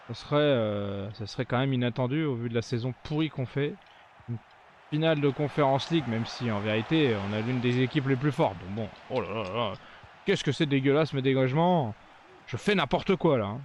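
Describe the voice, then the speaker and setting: A man's voice: mid-range voice, a little hiss or hum. Sarcastic man commentating his gameplay. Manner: sarcastic grumbling asides. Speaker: gaming video creator.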